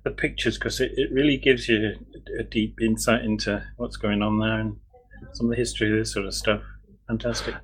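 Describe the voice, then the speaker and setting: A man co-hosting a podcast in casual chat, agreeable and quick to laugh. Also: fairly low pitch, level tone, breathy edge, poor audio. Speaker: podcast co-host.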